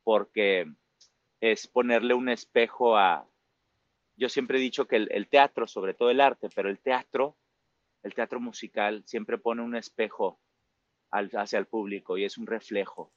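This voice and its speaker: Here the same kind of speaker, a Mexican musical theater performer in his forties with a Mexican Spanish accent, chats casually and reflectively in an interview, leaning on fillers and tag questions. He speaks at a measured pace in a lowish, fairly even voice. The recording sounds dry and muffled.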